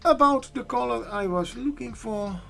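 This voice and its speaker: A man's voice: extremely high pitch, normal speed, creaky, pushed and bright, faint music behind. A man chatting casually on a live painting stream, rambling and correcting himself with jokey asides into a desk microphone.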